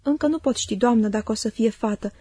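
A woman's voice: fairly high pitch, husky, no echo. A woman playing a timid, frail young mother. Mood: timid, plaintive. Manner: soft, plaintive, fearful. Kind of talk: audiobook reading.

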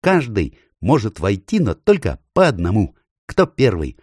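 A man voicing a sly, scheming male ape who taunts and shouts orders in a storybook reading. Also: on the low side, wildly swooping pitch, a little slow, slightly rough, no room sound, clean studio sound, exaggerated voice. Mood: sneering.

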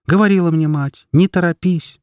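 A man's voice: on the high side, moderate pace, a little mellow, dry recording, clean studio sound, pitched above the performer's own voice, lightly acted. A man voicing an exasperated mother in her thirties who scolds her son and complains about her husband, in an audiobook. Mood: complaining. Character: harried Soviet-era mother, woman in her thirties.

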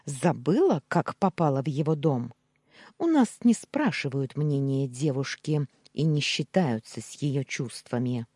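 A woman acts out a bitter young wife of twenty-one in an audiobook, sharp and scornful as she hisses orders. The voice sits low and husky, with lively swings in pitch. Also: unhurried, no room sound, clean studio sound, exaggerated voice. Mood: bitter, angry.

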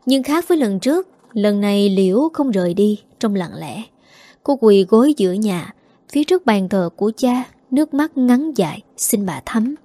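A woman narrating a dramatic story in an emotive, measured way. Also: mid-range voice, lively intonation, dark tone, no echo, clean studio sound.

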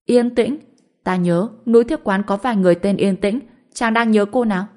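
A woman's voice: mid-range voice, moderate pace, darkish tone, natural voice. A woman voicing a playful, teasing young wife in an audiobook. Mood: coy. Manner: teasing, mischievous. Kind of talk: audiobook character voice.

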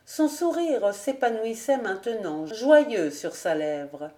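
A woman narrating a classic novel as an audiobook reader, measured and deliberate. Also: a little high, lively intonation, warm tone. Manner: slow, measured reading. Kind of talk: scripted narration.

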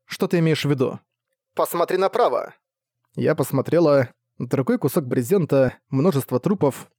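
A man narrating a first-person novel as an audiobook reader, steady and even. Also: medium pitch, no room sound, clean studio sound.

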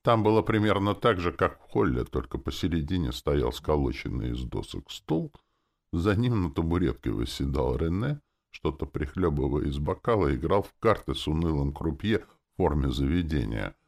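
A man narrating a fantasy story in the first person, his voice very deep with a gravelly, creaky texture. His reading is animated, the pitch moving freely as he tells it. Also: normal speed. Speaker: audiobook narrator.

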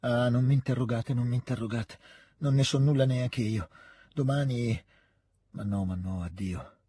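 A man reading a novel aloud and voicing a weary, brooding nobleman who answers in halting, subdued phrases. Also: mid-range voice, warm tone, husky, natural voice.

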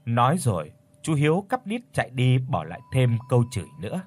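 A man telling a scripted ghost story, bringing the villagers' shouts to life as he goes. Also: mid-range voice, brisk, husky. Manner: lively, acts out villagers' shouts.

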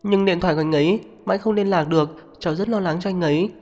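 A man's voice: sits high, steady tone, fast, voice pushed up, lightly acted. A man voicing a timid, anxious young woman who pleads and apologizes. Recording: muffled reverberant audio, faint music.

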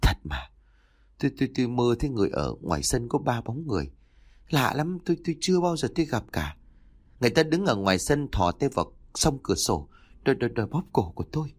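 A man voicing a frightened old village wife who stammers in a hushed, hurried voice. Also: medium pitch, sing-song, husky.

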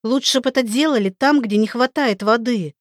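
A woman's voice: fairly high pitch, lively intonation, unhurried, no room sound, studio quality. A woman voicing a young heroine who speaks urgently and pleads for her beloved. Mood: defiant.

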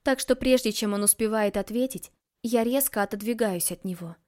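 High-voiced woman narrating an audiobook. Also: moderate pace, mellow. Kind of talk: first-person scripted narration.

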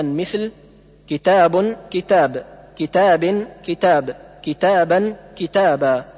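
A man reads through the rules of recitation, listing each point in a steady, measured way. His voice is pitched quite high. The recording carries a long reverb tail. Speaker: Quran recitation teacher. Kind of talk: read-aloud lesson on recitation rules.

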